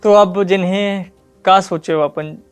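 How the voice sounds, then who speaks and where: A man's voice: high voice, steady tone, unhurried, smooth, soft background music. A man with a Chhattisgarhi accent, a podcast host asking short, friendly interview questions.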